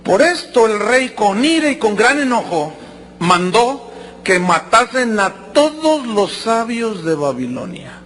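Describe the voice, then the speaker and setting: Animated high-voiced preacher. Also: male voice, slow pace. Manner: animated, acts out quotes and jokes with the congregation. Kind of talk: sermon.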